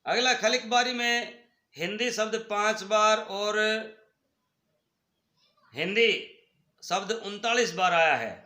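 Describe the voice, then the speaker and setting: A man with a Haryanvi accent teaching a school lesson, patiently repeating words slowly for his students. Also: sits high, sharp tone, echoey room. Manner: addresses students as brother.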